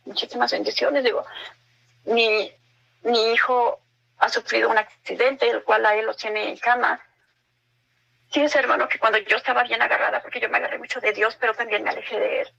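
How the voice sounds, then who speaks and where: A middle-aged woman giving an emotional personal testimony as a guest, halting and earnest, often repeating her words. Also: fairly high pitch, flat delivery, vocal fry, a bit bright, muffled recording.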